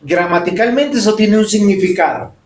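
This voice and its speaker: A man's voice: high-pitched, lively intonation, moderate pace. A man preaching a sermon as pastor, emphatic and full of rhetorical questions. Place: church sanctuary. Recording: roomy church echo.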